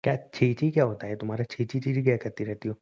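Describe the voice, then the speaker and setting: Here the boyfriend in a couple's conversation is a young man who talks fast with a warm, medium-pitched tone. He teases and pushes in an informal way during a casual, intimate Hindi chat, heard through dull, lo-fi call-style audio.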